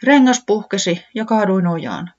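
A high, wailing little bunny boy, read aloud by a storyteller, swooping up in a lively way and always close to tears. The sound is dull and lo-fi, like an old storybook tape. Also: close to an everyday voice. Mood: flustered. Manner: wailing, easily weeping. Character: tearful excitable young male bunny.

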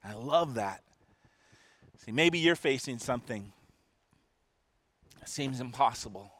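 A man's voice: mid-range voice, animated, takes it slowly, fairly bright tone. A man preaching a sermon as a pastor, earnest, often restarting and repeating his words.

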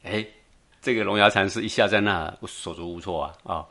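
Lively man telling a Zen story. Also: sits low, fairly quick. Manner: animated, keeps asking the audience for agreement, chuckles often. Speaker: Buddhist teacher. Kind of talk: storytelling dharma talk.

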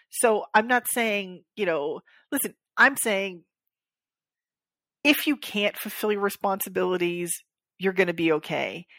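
A woman's voice: mid-range voice, no room sound, clean studio sound. A woman co-hosting a podcast, chatting casually and acting out the voices of people in her stories. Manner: animated storyteller, acts out quoted voices. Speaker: podcast co-host. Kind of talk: casual chat.

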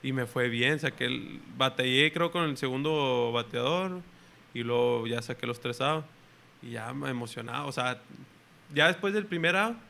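A young man with a Mexican Spanish accent, a pitcher telling a story in relaxed, slangy chat. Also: moderate pace, creaky. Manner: relaxed, slangy, retells his own and coaches' words. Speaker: guest baseball pitcher.

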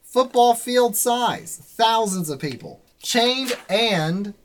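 A player casually reading a recap of the last tabletop session, in a brisk list-like way with joking asides. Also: medium pitch, animated, slight background noise.

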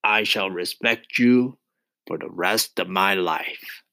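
A dry, jeering centipede with a slow, sarcastic delivery and a teasing edge, as a man puts him on. He sounds close to an everyday voice, just sly. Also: low voice, gravelly, pushed and bright, no room sound, full character voice. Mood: mocking. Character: sardonic, mocking male centipede.

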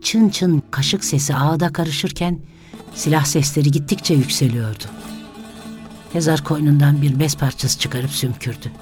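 Narrator for a sad village tale: calm, even delivery, middle pitch, light music bed. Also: a little slow. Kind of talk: scripted story narration.

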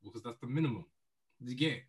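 A man's voice: medium pitch, racing, slightly rough. A young man with a London roadman accent, debating casually in heavy street slang peppered with tag questions.

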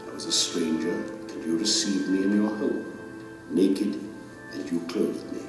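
Majestic low-voiced king, vast echo. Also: steady tone. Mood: solemn, tender. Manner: solemn, measured, regal pronouncements. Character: majestic benevolent king judging his subjects. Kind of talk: audio drama acting. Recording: cavernous echoing hall, music behind.

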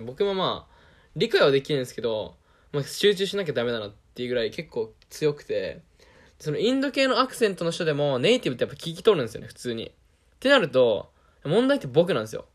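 Lively-voiced young man with a Kansai accent. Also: a little high. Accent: Kansai Japanese. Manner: chatty, self-deprecating, laughs often. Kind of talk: casual monologue.

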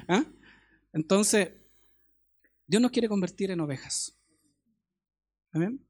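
A man's voice: high voice, animated, drawn-out words, pauses often, slightly rough. Chilean man preaching conversationally. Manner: conversational preaching with homely anecdotes and check-in questions. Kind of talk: sermon.

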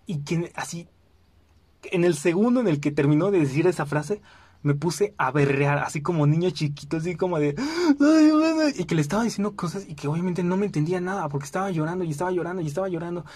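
Young Mexican man telling a personal story, casual and animated, slightly high voice, dry sound. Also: fast, husky, no room sound. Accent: Mexican Spanish. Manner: animated, acts out quoted voices, frequent fillers. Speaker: podcast host.

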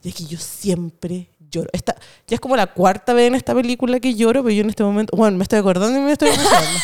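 A young woman with a Chilean accent chats on a podcast, her voice sitting a touch high. She retells scenes with gusto, swears freely and acts out the characters' lines. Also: expressive, quick pace, a little mellow. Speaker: podcast co-host. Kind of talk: casual chat.

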